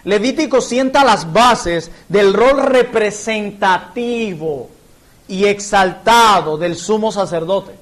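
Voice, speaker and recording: A man's voice: high-pitched, takes it slowly. A man from Colombia, a pastor, teaching a church Bible class in an earnest, explanatory way and illustrating points with personal stories.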